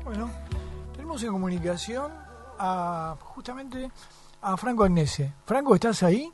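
High-voiced Argentine man hosting radio. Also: animated, unhurried, over music. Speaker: radio host. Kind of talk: casual live radio interview.

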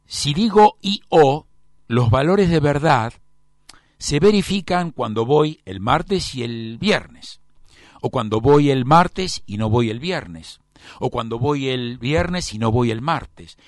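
A man's voice: mid-range voice, lively intonation, takes it slowly, no echo, studio quality. A man teaching a lecture, often checking with his class.

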